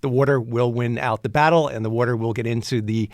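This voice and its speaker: A man's voice: medium pitch, fairly even intonation, fast talker, dry recording. Guy on a radio show giving home upkeep tips, chatty, restarts a lot, dry studio sound. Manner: practical, advice-giving, frequent restarts. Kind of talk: casual radio talk.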